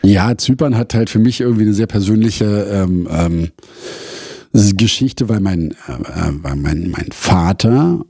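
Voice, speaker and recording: A crime novelist, a man, speaks in a low, mellow voice with a slightly husky edge, pausing and searching for words as he tells his story. The studio sound is dry and close. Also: lively intonation, no room sound. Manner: thoughtful, hesitant with fillers. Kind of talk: interview conversation.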